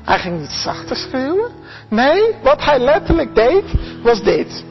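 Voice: sits high, sing-song, unhurried, big-room sound. A preacher giving an earnest sermon, speaking straight to the congregation and often repeating or restarting words. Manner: earnest, addresses the congregation directly, acts out quoted voices. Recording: slightly dull recording with faint music behind.

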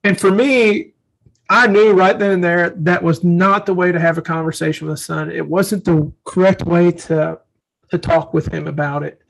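A man with a high-pitched, gravelly voice talks earnestly about parenting in a casual faith-based chat. He tells stories from his own life and acts out the lines of the people in them. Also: steady tone, normal speed, rough recording. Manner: earnest, storytelling, acts out quotes. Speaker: podcast co-host.

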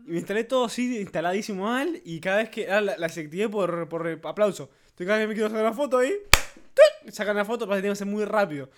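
A young man with an Argentine Spanish accent, co-hosting a podcast in casual chat and telling stories in animated, slangy bursts. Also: high-pitched, very fast, hardly any pauses. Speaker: podcast co-host.

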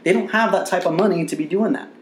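A man co-hosting a podcast in casual sports chat, animated and profane, laughing often. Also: high voice, fast, echoey room, a crowd in the background. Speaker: podcast co-host.

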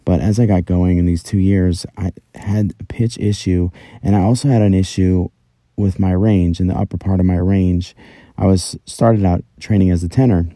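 Recorded up close in a closet with no echo at all, a middle-aged man's low, warm voice moves at a moderate pace with fairly even intonation. He's alone on his podcast, recounting his own life casually and poking fun at himself.

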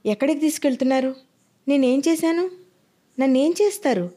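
A woman's voice: fairly high pitch, lively intonation, fairly quick, warm tone. A woman reading a story voices a frightened young woman, pleading and panicked as she is taken away.

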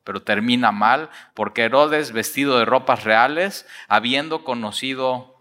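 Lively preacher in a reverberant hall. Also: male voice, mid-range voice, unhurried. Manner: lively storytelling, acting out the people in the story; laughs often and uses casual slang. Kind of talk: expository sermon.

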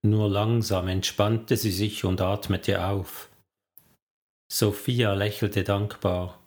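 A man narrating a story in a slow, unhurried tempo. His voice sits a little low, and his delivery is calm and measured, like an audiobook reader. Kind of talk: scripted narration.

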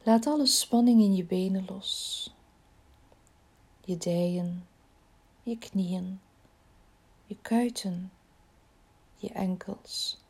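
Slow, soft, breathy woman guiding relaxation. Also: medium pitch. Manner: slow, soothing, soft and breathy, often near a whisper. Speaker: relaxation meditation guide. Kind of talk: guided body-scan relaxation.

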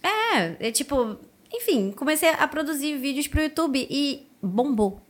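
A woman's voice: high voice, unhurried. A woman guest on a podcast, casually telling her story and acting out quoted dialogue. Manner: animated, lively retelling with quoted dialogue.

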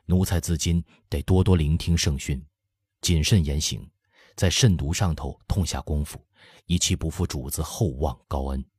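A man's voice: very deep voice, moderate pace, a little mellow, breathy edge, dry recording. A man doing a humble, anxious minister.

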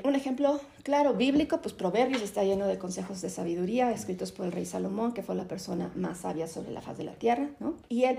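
Mexican woman teacher with a gravelly voice. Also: mid-range voice, a little hiss or hum. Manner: animated storyteller, tags lines with "¿no?". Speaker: Bible class teacher. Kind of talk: Bible teaching.

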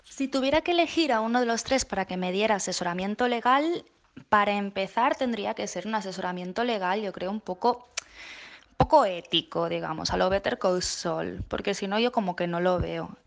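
A woman guest giving a playful, rambling, deadpan comic answer. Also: mid-range voice, brisk, gravelly. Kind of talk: recorded comedic answer.

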